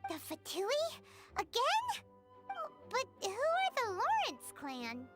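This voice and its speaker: A woman voicing a small, excitable, naive fairy companion in a video game, with a squeaky childlike voice and exclamatory delivery. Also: slow, heavily acted. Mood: curious, puzzled. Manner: refers to self in third person, exclamatory. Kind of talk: animated game voice acting. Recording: music behind the voice. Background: game music.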